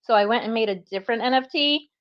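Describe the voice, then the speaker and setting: A woman chatting as a guest artist on a live online audio show, animated and self-deprecating, laughing often and a bit out of breath. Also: on the high side, quick pace, muffled recording. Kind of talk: casual chat on a live audio space.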